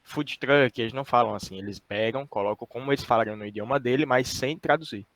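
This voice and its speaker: A man's voice: mid-range voice, fast, fairly bright tone, no room sound. A Brazilian man, a student, explaining a point in class with hesitant restarts and examples.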